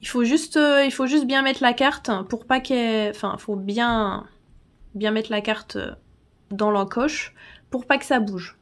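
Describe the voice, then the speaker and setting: A woman hosting a casual tutorial vlog, chatty, laughing often and filling pauses with "euh". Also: a little high. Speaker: channel host.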